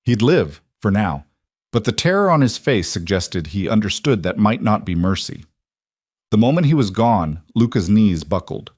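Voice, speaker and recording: A man giving scripted, measured narration of a dramatic story. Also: lowish voice, big pitch swings, a little mellow, dry recording, studio quality.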